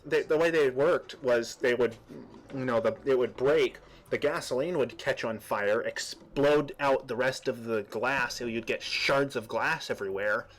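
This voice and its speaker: A man's voice: medium pitch, a little slow, hardly any pauses. A man chatting casually while streaming a game, rambling through trivia and explanations with frequent restarts. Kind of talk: casual gameplay chat.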